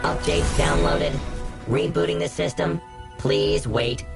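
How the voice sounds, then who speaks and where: A man's voice: a little high, expressive, slow, creaky, heavily acted. A man voicing a male machine system voice that reboots and reads out status reports in clipped announcements. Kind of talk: video game system voice. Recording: game audio with loud music behind.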